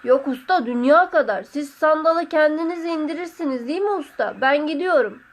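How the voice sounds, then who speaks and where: A woman voicing an eager, whiny young male fishing apprentice who pleads and calls out loudly. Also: high voice, moderate pace, lightly acted.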